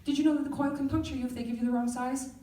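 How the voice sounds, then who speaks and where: A woman performing a comic personal story on stage in an animated, profane, playful way. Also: high voice, rapid-fire, reverberant, distant mic.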